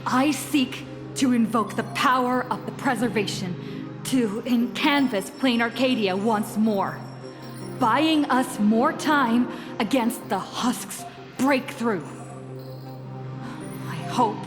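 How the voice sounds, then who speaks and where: In video game voice acting, a young female envoy with a slightly high voice pleads earnestly and formally before a council. Her sincere delivery is drenched in long reverb over music.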